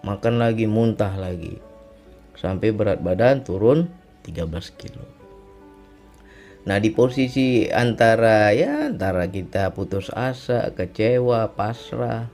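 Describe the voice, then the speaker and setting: A man with a low, mellow voice telling a religious testimony, unhurried and reflective, circling back over his own phrases. Faint music sits quietly under his voice. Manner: reflective, repetitive, often ends with "ya kan". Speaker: speaker sharing a personal testimony.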